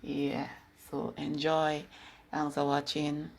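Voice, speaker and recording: A woman's voice: sits low, completely flat delivery, slow pace, vocal fry, darkish tone, a little hiss or hum. A woman with a Jamaican accent, casually explaining a recipe on her cooking channel and slipping into patois. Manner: chatty, instructive, slips into patois. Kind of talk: casual cooking video narration.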